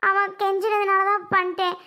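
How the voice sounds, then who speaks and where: A woman's voice: extremely high pitch, little pitch movement, brisk, pushed and bright. A woman voicing a young married daughter in a cartoon family serial, pleading with her father and calling out to him over and over. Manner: pleading, repeated calls of "appa".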